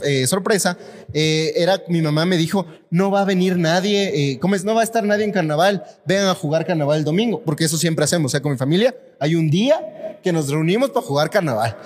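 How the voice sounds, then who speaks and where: Ecuadorian man, high voice, animated storytelling, long reverb. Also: quick pace. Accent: Ecuadorian Spanish. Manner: animated, laughs through stories. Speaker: podcast co-host. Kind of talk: casual storytelling chat.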